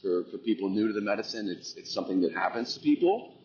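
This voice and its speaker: A man's voice: on the low side, expressive, fast talker, a little mellow, muffled recording. A man earnestly recounting a personal experience, intense and reflective, repeating phrases for emphasis.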